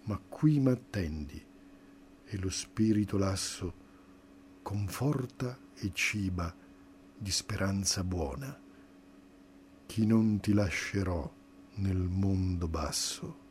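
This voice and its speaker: A man voicing a wise, calm older poet who guides and reassures, speaking softly and in a measured way. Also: low voice, a little hiss or hum. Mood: reassuring.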